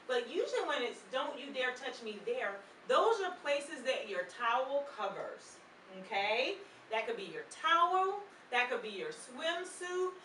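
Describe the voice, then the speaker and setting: In a public library's children's room, a middle-aged woman who authors and presents children's books reads to a young audience in a high, unhurried voice. She's animated, asking questions and getting them to repeat words. A far camera leaves the recording distant and echoey, with kids and ambient noise audible.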